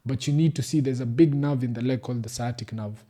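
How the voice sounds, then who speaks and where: In a relaxed podcast conversation, a young Kenyan man who works as a doctor speaks English with a Kenyan accent, explaining patiently and sprinkling in Swahili phrases. His voice is mid-range and mellow, and he talks fast.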